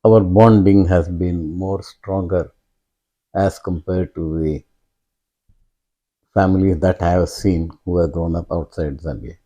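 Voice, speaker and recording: An older man, speaking slowly and reflectively as an interview guest, pausing often and restarting his sentences. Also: deep voice, steady tone, mellow. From India. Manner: halting and reflective, many fillers and restarts. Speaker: guest, father of host. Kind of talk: conversational interview.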